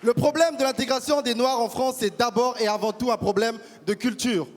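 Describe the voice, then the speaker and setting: A man from Africa performing a stand-up comedy set at a live forum, with punchy, animated delivery and stammered restarts. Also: very high-pitched, brisk, slight background noise. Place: live stage at a peace forum. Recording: live hall with reverb and crowd.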